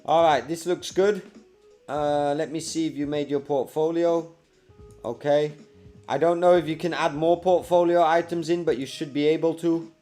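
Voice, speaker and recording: A young man with a fairly high voice hosts a live coding stream, answering viewers by name in an easygoing, chatty manner. Faint music plays behind him. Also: steady tone, moderate pace, dark tone. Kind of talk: casual live-stream chat reading viewer comments.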